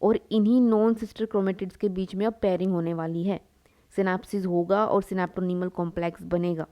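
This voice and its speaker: Her voice is lowish and mellow, a little fast, with fairly even intonation. The young woman is teaching biology in Hindi sprinkled with English, sketching as she goes, calling students "beta," and answering the questions she puts to them.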